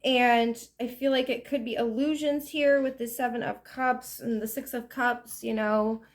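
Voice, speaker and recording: A woman's voice: fairly high pitch, fairly even intonation, unhurried. A woman giving a casual, rambling tarot reading in a chatty, self-deprecating way. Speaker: tarot reader.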